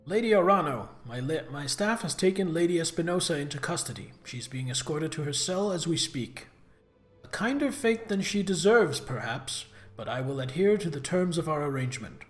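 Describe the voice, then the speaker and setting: A man's voice: fairly high pitch, lively intonation, normal speed, soft background music, lightly acted. A man voicing a formal, honorable but bitter grieving lord in a video game. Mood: grim, formal. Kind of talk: reading video game dialogue aloud.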